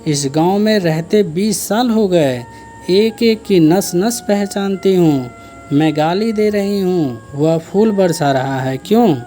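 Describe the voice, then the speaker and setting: Man voicing a feisty village wife in a storybook, scolding, low and slow. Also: mellow, faint music behind. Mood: defiant scolding. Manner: defiant, scolding. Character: fierce village peasant woman, sharp-tongued.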